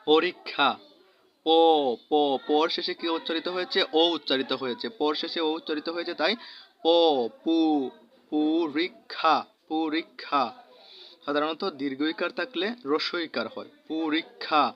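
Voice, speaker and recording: A man with a Bangladeshi Bengali accent teaching a grammar lesson, saying each example word slowly and repeating it. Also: a little high, fairly even intonation, fairly bright tone. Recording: dull lo-fi recording.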